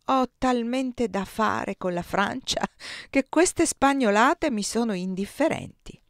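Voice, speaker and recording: A woman's voice: fairly high pitch, animated, slow pace, no echo, studio quality, pitched above the performer's own voice. A woman reading as a pompous older archivist.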